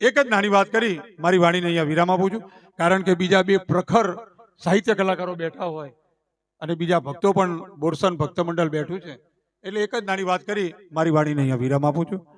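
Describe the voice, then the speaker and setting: A Gujarati man from India, serving as folk storyteller and emcee, tells folk jokes live at a village devotional gathering beneath a canopy. His voice sits high and brisk as he draws out punchlines and plays the villagers he quotes.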